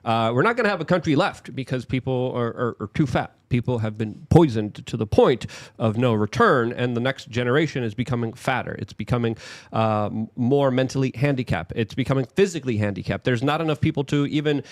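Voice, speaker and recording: A man's voice: mid-range voice, fairly quick, few pauses, dry recording, clean studio sound. A man hosting a political livestream, talking emphatically and often repeating words as he builds his points. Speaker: show host.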